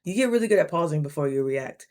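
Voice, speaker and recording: A woman in her thirties telling a story to camera in a casual, animated way, often acting out both sides of a conversation. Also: low-pitched, quick pace. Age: 30s. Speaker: vlogger.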